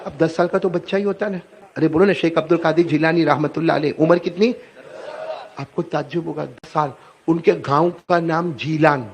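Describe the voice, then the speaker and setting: A man's voice: fairly high pitch, steady tone. A man preaching a storytelling sermon, prompting the audience to repeat after him.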